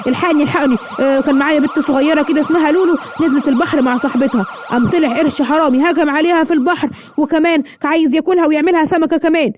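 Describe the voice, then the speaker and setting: A woman with an Egyptian accent voicing a fretful middle-aged father in a children's cartoon story, speaking in a lowered, flustered way. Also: steady tone, rapid-fire, dull audio, crowd noise, lightly acted. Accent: Egyptian Arabic. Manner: flustered and anxious. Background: music.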